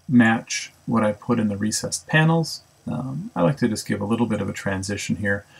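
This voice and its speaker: This male woodworking instructor has a raspy, low voice heavy with vocal fry and an easygoing manner. Narrating a casual how-to from his home woodshop, he thinks aloud, says um a lot, and keeps correcting himself.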